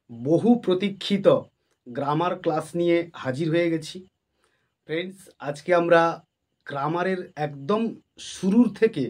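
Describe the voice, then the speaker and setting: A grammar teacher works through a lesson at a board at an unhurried, deliberate pace. Definitions are dictated slowly word by word and then explained. Key terms are repeated with patience. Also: medium pitch.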